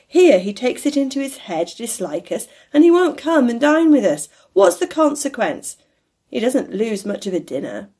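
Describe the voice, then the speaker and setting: A woman with a husky voice playing a hearty, good-natured young gentleman who laughs and speaks with merry emphasis in a storybook reading. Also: fairly high pitch, very animated, moderate pace, pitched above the performer's own voice. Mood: jovial.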